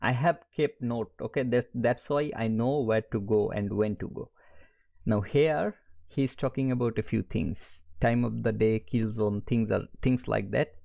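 A trading educator from Bangladesh leads a screen-share lesson in a mid-range, warm voice with vocal fry, keeping a measured pace. He speaks with a Bangladeshi accent and a direct style, frequently checking in with "okay." The recording is dry.

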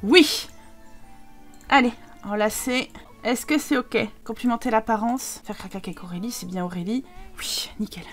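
A woman's voice: fairly high pitch, normal speed, faint music behind. A woman giving casual, joking commentary over a life-simulation game and talking to the characters. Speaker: gaming streamer.

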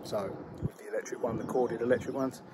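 A man's voice: mid-range voice, fairly even intonation, fairly quick, noisy background. Rambling man outdoors. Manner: rambling, self-correcting. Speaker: allotment vlogger. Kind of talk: casual outdoor vlog. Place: outdoors on an allotment.

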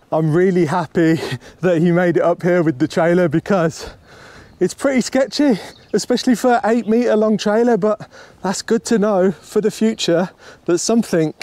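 A man's voice: sits high, darkish tone, dry recording. A young man chatting upbeat to a camera held at arm's length, walking around his rural land outdoors. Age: young adult. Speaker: homestead vlogger. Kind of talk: casual vlog to camera.

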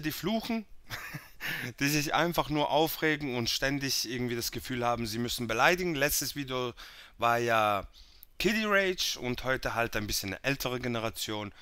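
A man introduces a clip in a loose, chatty commentary style. His voice is bright and crisp, and it is recorded dry and close to the mic. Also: mid-range voice, dry recording. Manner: chatty, loose, with fillers and quick laughs. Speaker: video commentator. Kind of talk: casual video commentary.

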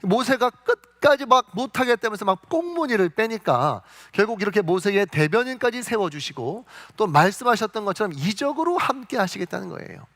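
High, lively Korean pastor preaching. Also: male voice. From South Korea. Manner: lively preaching, asks the congregation questions and answers them himself; acts out God's and Moses' words with slow, stressed delivery. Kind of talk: sermon. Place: church sanctuary.

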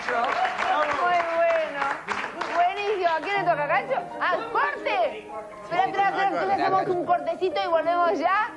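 A woman's voice: very high voice, steady tone, moderate pace, lo-fi sound, heavy background noise. Argentine woman hosting over studio crowd. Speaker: TV host. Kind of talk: hosting a TV variety show.

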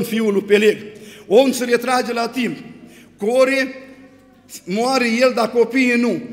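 A man preaching a sermon, retelling scripture stories with lively, rising emphasis. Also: very high voice. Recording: long hall reverb.

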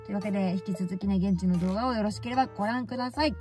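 A woman's voice: mid-range voice, rapid-fire, a little mellow, faint music behind. A woman vlogger telling stories casually and animatedly, often exclaiming and laughing at herself. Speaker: baseball fan vlogger. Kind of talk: casual storytelling vlog.

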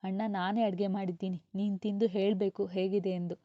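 A woman's voice: mid-range voice, flat delivery, a little fast, dry recording, close to an everyday voice. A woman reading as a tearful young sister. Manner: soft, pleading and childlike with her brother. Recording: dull, slightly lo-fi dry sound.

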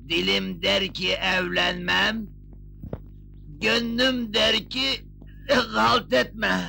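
A jovial, gravelly village hero. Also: male voice, high voice, drawn-out words, long pauses, pushed and bright, faint music behind, full character voice. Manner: joking, laughing, rhyming speech.

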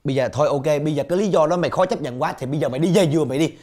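A man's voice: fairly high pitch, rapid-fire, a little mellow, close to an everyday voice. An actor playing an awkward, overly polite young man who can't sleep, explaining himself in hesitant, rambling sentences. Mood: sheepish. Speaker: friend who calls at midnight. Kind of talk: scripted comedy sketch acting. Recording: music score under dialogue.

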